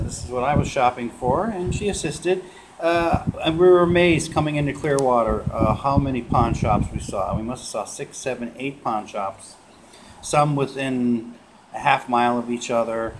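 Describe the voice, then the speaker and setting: A man showing off his coin purchases in a casual vlog, relaxed and rambling, with lots of filler sounds. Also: medium pitch. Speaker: coin collecting vlogger. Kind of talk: casual show-and-tell vlog. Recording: noisy home video recording.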